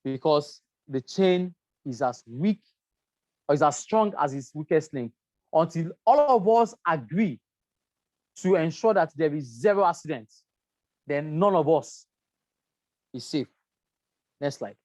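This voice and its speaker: An emphatic safety trainer lecturing through slides, hammering key points with repetition and filling gaps with um. The voice sits at an ordinary middle pitch. It is recorded dry, with no room echo. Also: lively intonation, measured pace, long pauses, a little mellow. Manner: emphatic, repeats key points, frequent um fillers.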